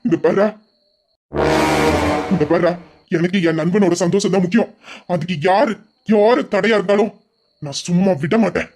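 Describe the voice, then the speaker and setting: A fiercely loyal young man who will protect his friend at any cost, as a man acts him out in an audio drama. His voice sits high for a man, and he makes firm, forceful vows. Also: steady tone, moderate pace, pauses often. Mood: determined. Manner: forceful, vowing.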